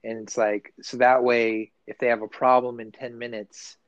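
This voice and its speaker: A man's voice: mid-range voice, flat delivery, moderate pace, dry recording. Rambling, swearing man on a podcast. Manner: rambling, profane, loose and self-correcting. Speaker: podcast co-host. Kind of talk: casual podcast chat. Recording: dull, dry recording.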